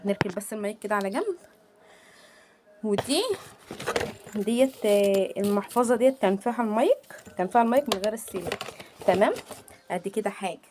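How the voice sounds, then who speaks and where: A young woman with an Egyptian accent, chatting excitedly in a casual unboxing vlog, gushing and rambling, filmed on a handheld phone. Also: medium pitch, quick pace, long pauses, noisy background. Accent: Egyptian Arabic. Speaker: vlogger. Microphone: phone held in hand.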